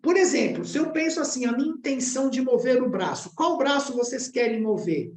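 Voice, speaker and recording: A woman's voice: high voice, expressive, a little fast, a little mellow. A woman with a Brazilian Portuguese accent presenting a study-group lesson, explaining ideas and asking the class questions directly. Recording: roomy echo.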